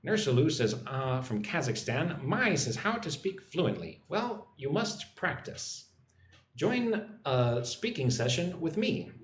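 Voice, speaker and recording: An American man hosting a casual English-teaching livestream takes it slowly, his fairly high voice sing-song as he greets viewers. He reads out and answers comments in a chatty, informal way. The audio has a roomy echo and faint noise behind it.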